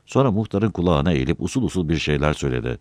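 A man's voice: rumbling low, racing, no room sound, clean studio sound. A man reading a village story aloud, narrating expressively. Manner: expressive, shifting between voices.

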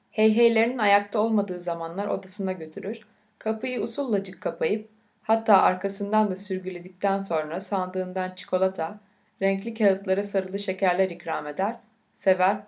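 A woman narrates a novel aloud for an audiobook. Her pitch is middling for a woman, her tone steady and darkish, and she reads in a measured, unhurried way.

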